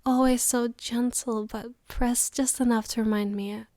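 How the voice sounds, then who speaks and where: A woman playing a loving, tired girlfriend on a late-night call, in a soft, intimate ASMR role-play. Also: on the high side, steady tone, unhurried, dry recording, close to an everyday voice. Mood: tender, loving.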